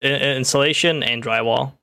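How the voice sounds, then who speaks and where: A man's voice: mid-range voice, steady tone, a little fast, creaky, bright, forceful tone, dry recording. Teasing man hosting a casual chat.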